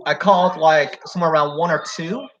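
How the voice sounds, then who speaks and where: A man's voice: a little high, fairly quick. A young man in casual chat, retelling a job situation at length with lots of "like" and "so". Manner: rambling retelling full of "like" and "so". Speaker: job applicant telling a story. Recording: dull lo-fi recording.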